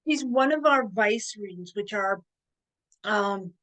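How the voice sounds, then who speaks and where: A woman chatting as a podcast guest, telling stories in a hesitant way with frequent pauses and fillers. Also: medium pitch, animated, a bit bright, poor audio. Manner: hesitant, with many fillers and restarts. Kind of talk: casual interview chat.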